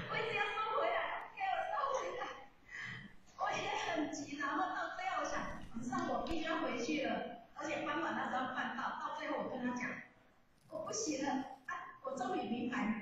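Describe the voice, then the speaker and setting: Woman, high voice, lively religious testimony, echoey hall, distant mic, faint background hiss. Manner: lively storytelling with laughs. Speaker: lay religious speaker giving testimony.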